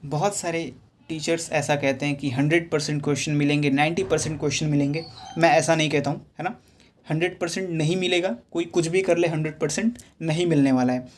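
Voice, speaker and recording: A man's voice: on the high side, fairly even intonation. Man tutoring physics. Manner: explains step by step with frequent rhetorical questions; reads English questions slowly, phrase by phrase. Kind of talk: exam prep lecture.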